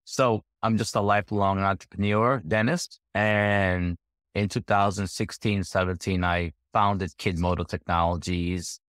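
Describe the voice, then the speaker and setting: A man from Guyana answering interview questions as a guest entrepreneur, relaxed and easygoing. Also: low voice, measured pace, no echo, clean studio sound. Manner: relaxed, repeats "right?" and laughs easily.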